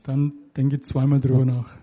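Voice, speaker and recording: A man interpreting a sermon live, following the preacher closely with small hesitations and reading scripture passages slowly. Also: medium pitch, monotone, breathy edge, highs cut off.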